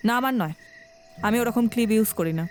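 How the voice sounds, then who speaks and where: A woman's voice: a little high, lively intonation, quick pace, a little hiss or hum, natural voice. An actress playing a suspicious wife who questions her husband pointedly. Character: suspicious wife, probing and sharp. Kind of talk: web series acting.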